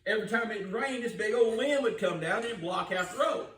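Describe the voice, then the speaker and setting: A man's voice: high-pitched, fairly quick, a bit bright, slight background noise. An older man preaching a sermon in a folksy, storytelling way, often asking the congregation questions. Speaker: pastor. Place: church sanctuary. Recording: roomy church recording from a distance.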